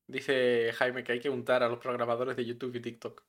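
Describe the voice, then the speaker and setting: A man's voice: mid-range voice, completely flat delivery, normal speed. A man from Melilla with a Melilla Spanish accent, co-hosting a podcast in casual, insistent chat. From Melilla, Spain. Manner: heated, insistent about football. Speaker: podcast co-host.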